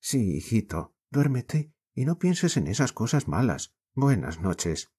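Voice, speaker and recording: A man with a Spain accent voicing a meek, sorrowful orphan girl in an audiobook, speaking softly and consolingly. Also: medium pitch, very animated, takes it slowly, slightly rough, pitched above the performer's own voice, full character voice. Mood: tender, pleading. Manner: soft, gentle and consoling. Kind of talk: audiobook character reading.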